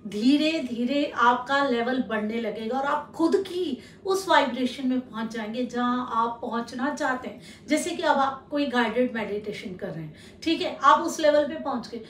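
High-voiced woman giving spiritual advice. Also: normal speed, hardly any pauses, distant mic, slight background noise. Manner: calm, advising, addresses the listener directly. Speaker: spiritual teacher and healer. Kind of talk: instructional talk to camera. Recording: echoey room, voice a little off-mic.

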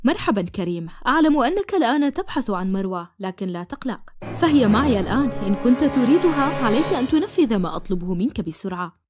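A woman's voice: fairly high pitch, very animated, fast, over music. Woman voicing a mocking male kidnapper. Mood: menacing. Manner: mocking, commanding. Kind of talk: cartoon dubbing in formal Arabic.

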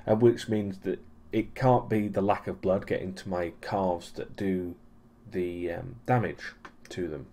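Low-voiced man rambling through a vlog. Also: fairly even intonation, unhurried, few pauses, mellow. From Europe. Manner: rambling, many ums and restarts, dry sarcasm. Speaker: vlogger. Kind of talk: casual weekly vlog recap.

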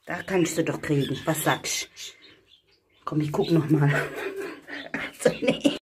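A woman's voice: deep voice, measured pace, a little mellow, slight background noise. A woman from Germany vlogging outdoors in a hot village yard, chatting to viewers and coaxing her animals with pet names. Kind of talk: casual vlog talking to viewers and animals.

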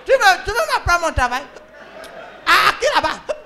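A woman with a Cameroonian French accent playing an excitable, scolding female emergency call operator in a comedy sketch, talking to callers on the phone. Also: extremely high pitch, moderate pace, some chatter behind, a little hiss or hum, full character voice. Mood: bossy. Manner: scolding, excitable, often laughing and shouting. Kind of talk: comic sketch, one side of phone calls.

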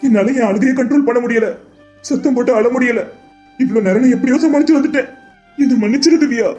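A man's voice: high voice, darkish tone, dull audio, natural voice. A man voicing a grieving, loyal young man in a cartoon drama, talking in an earnest, pleading way. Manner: earnest, pleading, tearful monologue.

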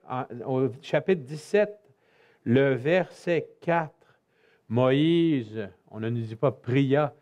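A male priest with a Canadian French accent preaching a sermon in a church, emphatic with folksy asides to his listeners. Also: a little high. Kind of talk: sermon on scripture.

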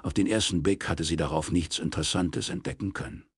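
A man reading a crime novel aloud as scripted narration, in a steady storytelling manner. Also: low voice, a little fast, slightly rough, dry recording, clean studio sound. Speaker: audiobook reader.

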